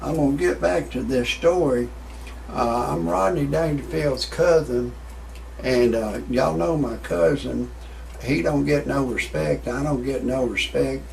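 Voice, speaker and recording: In a rough recording with slight background noise, a man in his sixties hosts his own online comedy show, delivering a folksy, rambling amateur stand-up monologue with commentary for his audience. His voice is mid-range and gravelly, and he keeps a measured pace.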